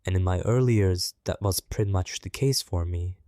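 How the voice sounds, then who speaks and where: A man, his voice disguised to sound deep, speaking thoughtfully and in a measured way in an interview. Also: warm tone, no echo, studio quality. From Turkey. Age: 20s. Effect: voice disguised, altered deeper. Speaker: interview guest. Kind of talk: reflective personal interview.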